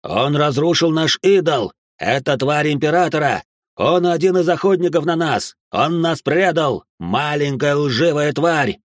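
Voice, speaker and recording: A man voicing a furious mob of masked cannibals shouting in an audiobook. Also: a little high, animated, a little slow, no echo, clean studio sound, pitched above the performer's own voice. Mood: raging. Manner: loud, raging shouts. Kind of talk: audiobook reading.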